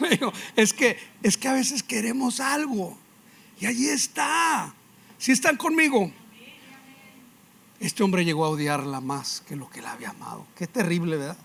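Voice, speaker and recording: A male pastor preaches with lively, animated delivery. His pitch runs slightly high for a man, and he swings between loud emphasis and quieter asides, often checking in with his congregation. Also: measured pace, creaky, long pauses, breathy edge. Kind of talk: sermon.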